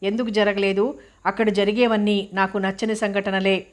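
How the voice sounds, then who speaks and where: A woman reading the part of a resolute older female cook who speaks in a steady, firm, solemn way. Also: mid-range voice, moderate pace, natural voice.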